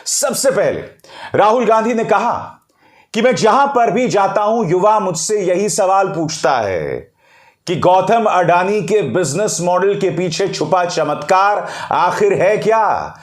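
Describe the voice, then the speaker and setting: A man's voice: sits high, lively intonation, slow, roomy sound. A man giving opinionated political commentary, speaking emphatically and often turning to his viewers as friends. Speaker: news commentator.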